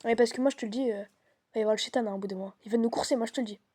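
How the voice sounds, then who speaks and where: A woman plays a horror game and comments as she goes in loose, slangy chat. Her voice sits a bit high, with a soft, mellow tone and a husky edge. She reacts to the game casually, talking to a partner. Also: fairly even intonation, very fast. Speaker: game streamer.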